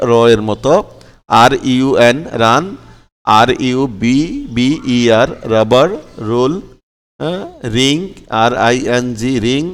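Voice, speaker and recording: A man with a Bangladeshi Bengali accent takes pupils through pronunciation, spelling each word one letter at a time and repeating it slowly. His voice sits at an ordinary pitch and sounds smooth and resonant. A long reverb hangs on it, as in a large room. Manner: asks the pupils "কেমন?" to check they follow. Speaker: teacher.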